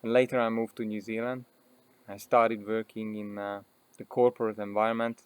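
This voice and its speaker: A man from Hungary with a Hungarian accent, a personal development coach telling his own story in an earnest, unhurried way with frequent pauses and fillers. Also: on the low side, flat delivery, clear, resonant tone, dry recording.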